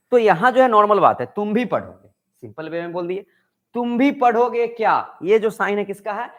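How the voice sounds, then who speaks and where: A man's voice: sits high, a bit bright. A man teaching an online grammar lesson, asking questions and answering them himself. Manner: acts out example sentences with stress.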